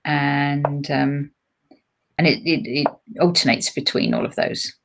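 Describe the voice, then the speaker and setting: English woman on a chess stream, fairly low voice, brisk and to the point. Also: a bit bright. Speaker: chess co-commentator. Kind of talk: live online chess commentary.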